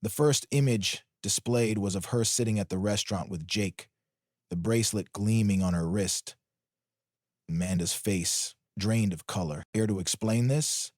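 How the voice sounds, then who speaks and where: A man reading a scripted drama story aloud in a steady storytelling manner. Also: on the low side, measured pace, dry recording, clean studio sound. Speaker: narrator.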